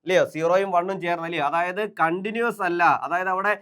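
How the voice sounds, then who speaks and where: A man teaches an exam-prep lesson at a rapid clip. His voice sits a little high. He keeps asking the class questions, answers them himself, and drills the same terms over and over. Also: steady tone, a bit bright, clean tone. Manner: repeats key terms over and over.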